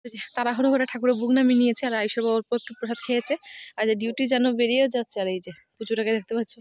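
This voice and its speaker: Fast-talking chatty woman vlogger. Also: fairly high pitch, fairly even intonation, a little mellow, no room sound. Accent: Sylheti-influenced Bengali. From Assam, India. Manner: chatty, addresses viewers as friends. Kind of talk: casual home vlog narration. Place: village home kitchen and yard.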